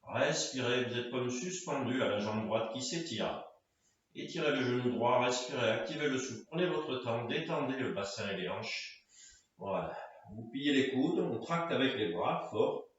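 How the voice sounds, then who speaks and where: Calm man guiding exercises in echoey hall. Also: medium pitch, normal speed. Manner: calm, directive cues in short phrases. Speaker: karate and fitness instructor. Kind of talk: guided exercise instruction. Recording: echoey room, distant mic, dull sound.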